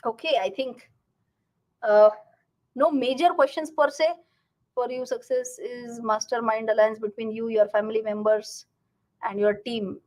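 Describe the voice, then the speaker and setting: Indian accent lady doing a casual livestream q&a, teacher type, chatty, bit high voice, drops hindi bits in. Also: fairly even intonation, unhurried, long pauses, darkish tone, rough recording. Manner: chatty, slips Hindi phrases into English. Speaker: live stream host and finance teacher. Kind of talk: casual live stream Q&A, reading and answering viewer comments.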